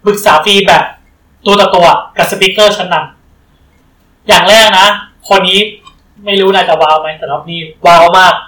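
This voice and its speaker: A man co-hosting a podcast in casual chat, chatty and quick to laugh. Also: high voice, fairly even intonation, sharp tone, distant mic. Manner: chatty, laughs often, reads details aloud. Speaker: podcast co-host. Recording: roomy, from off-mic, faint ambience.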